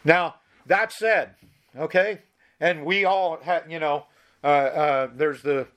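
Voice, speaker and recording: A man's voice: fairly high pitch, slow, fairly bright tone. A man preaching a sermon, reading Bible verses aloud and explaining them in an emphatic, conversational way with frequent restarts.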